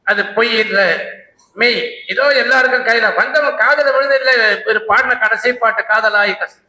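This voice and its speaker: A man's voice: very high-pitched, moderate pace, bright, forceful tone, echoey room, poor audio. A man giving a devotional discourse at a religious conference, telling a sacred story and breaking into rhythmic hymn recitation. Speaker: Saivite religious speaker. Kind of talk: devotional discourse with chanted hymns. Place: conference hall.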